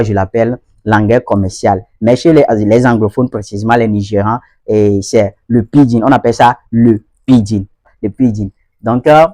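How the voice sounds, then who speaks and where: A man's voice: mid-range voice, a little mellow, no room sound. Dry-voiced man explaining to viewers. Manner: repetitive, addresses viewers directly with frequent checks for understanding. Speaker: host of an English-learning channel. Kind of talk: casual explanatory video lesson.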